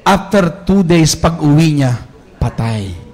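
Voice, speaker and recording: Priest, higher male voice, slow chatty sermon delivery with acted-out quotes. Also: lively intonation, a little mellow.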